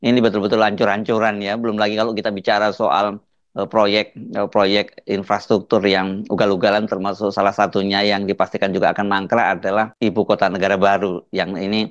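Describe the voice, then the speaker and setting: Casting: male commentator, lowish voice, halting conversational news delivery, slightly muffled close sound. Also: little pitch movement, dry recording. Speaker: commentator, host. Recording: slightly dull, dry close recording.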